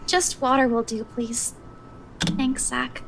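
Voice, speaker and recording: A woman playing a subdued, withdrawn young woman in a video game, speaking quietly and hesitantly. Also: sits high, level tone, slow pace, vocal fry, noisy background, exaggerated voice. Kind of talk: naturalistic video game voice acting.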